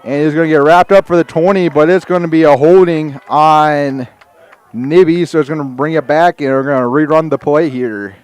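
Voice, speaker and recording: Casting: male local sports announcer, out of breath, crisp slightly high voice, live play-by-play. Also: steady tone, moderate pace. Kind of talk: live high school football commentary.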